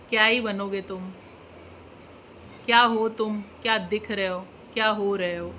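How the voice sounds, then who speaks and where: A woman's voice: medium pitch, sharp tone, a little hiss or hum. A woman YouTube reaction creator ranting straight to camera, scolding and indignant, repeating phrases for emphasis. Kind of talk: emotional direct-to-camera rant.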